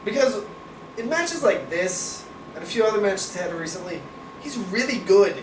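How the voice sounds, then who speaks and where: A man co-hosts a casual wrestling review podcast, voicing strong opinions and swearing casually in a high-sitting voice with lively intonation at a moderate pace. The mic is distant and roomy, with noisy background.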